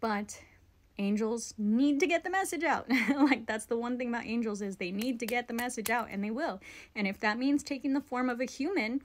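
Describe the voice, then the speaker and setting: A woman's voice: fairly high pitch, brisk. A young woman hosting a spiritual show, talking casually and rambling, with lots of "like" and "right?" and some casual swearing. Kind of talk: casual spiritual talk to camera.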